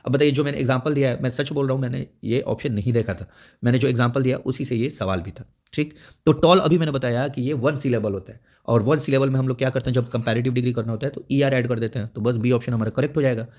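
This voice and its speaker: A man's voice: medium pitch, fast, a little mellow. A man teaching an exam prep grammar lesson, explaining step by step and checking in often. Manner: explains step by step with frequent "theek hai" check-ins.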